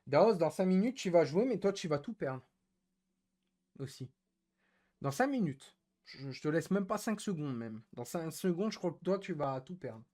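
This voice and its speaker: This casual live-stream rant comes from a frustrated, bitter young man with a sing-song delivery at a moderate pace. Cursing frequently and repeating himself, he alternates between shouting and muttering under his breath.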